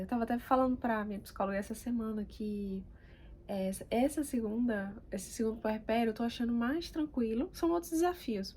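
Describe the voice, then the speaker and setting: A woman, speaking gently and hesitantly, with many pauses, as a mother sharing her story. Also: a little high, a little hiss or hum. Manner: soft-spoken, hesitant, many pauses and fillers. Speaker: mother vlogger. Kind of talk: casual personal talk to camera. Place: quiet home room.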